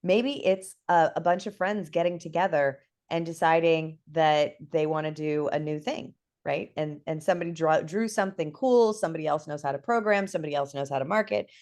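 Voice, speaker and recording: A chatty woman with a slightly low voice talks casually as a guest expert. She explains things in a lively, conversational way, full of fillers and quick "right?" check-ins. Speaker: guest expert on NFT projects.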